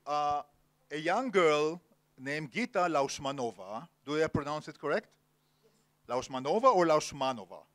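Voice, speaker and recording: Onstage at a Jerusalem cultural center event hall, a man leads a literary interview in a formal manner, hesitating often with fillers. His voice sits on the higher side, sounding animated and slightly bright.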